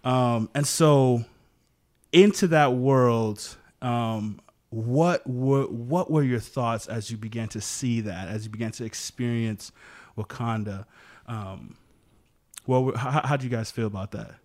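A man hosting a casual discussion, relaxed, laughing easily and asking the panel questions. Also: mid-range voice, takes it slowly. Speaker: host.

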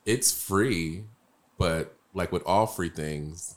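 A man co-hosting a casual chat, joking and musing in a relaxed, drawn-out way. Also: low voice. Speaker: podcast co-host.

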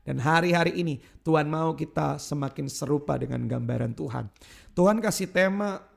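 A man in his thirties preaches to a youth church service in a high, heavily gravelly voice. He calls for the crowd's responses and slips into casual storytelling. He refers to himself in the third person. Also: normal speed. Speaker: youth pastor. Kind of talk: sermon.

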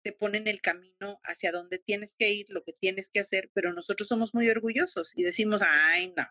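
A woman's voice: medium pitch, fairly even intonation, fairly quick, a bit bright, slightly rough, no room sound. A middle-aged woman with a Mexican accent, telling her story emotionally and animatedly as a guest in a casual interview. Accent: Mexican Spanish. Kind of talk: casual interview over video call.

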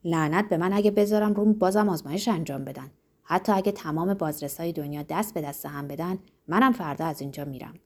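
A woman's voice: fairly low pitch, pitched below the performer's own voice, lightly acted. A woman reading an audiobook, voicing a troubled, brooding young man who is grim and weary. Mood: angry. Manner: grim, weary, bursts into anger.

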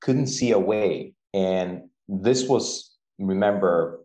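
A Bulgarian man in his 40s, speaking with a Bulgarian accent, tells a personal story as an interview guest. His low, mellow voice is deliberate and emphatic, and the room sounds echoey.

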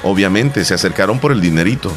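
A man's voice: low voice, expressive, fast, soft background music. Salvadoran man telling a story. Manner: storytelling, emphatic repetitions. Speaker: podcast co-host. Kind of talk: casual chat.

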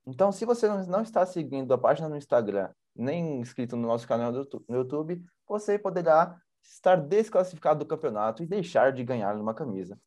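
A man's voice: on the high side, sing-song, quick pace, few pauses, a little mellow. A man co-hosting an informal news show, teasing his partner and explaining terms. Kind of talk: informal political news commentary.

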